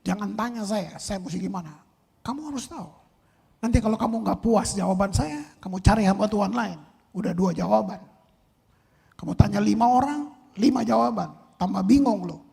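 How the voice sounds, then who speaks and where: A male pastor preaching a sermon, firing rhetorical questions and swinging between loud and soft. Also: high voice, normal speed, vocal fry, husky. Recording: long reverb in a large hall.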